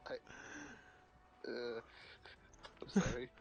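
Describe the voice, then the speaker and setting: A man's voice: mid-range voice, drawn-out words, creaky, slightly rough, highs cut off. A man chatting casually with a friend, hesitant and apologetic, stumbling over his first words. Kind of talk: casual chat.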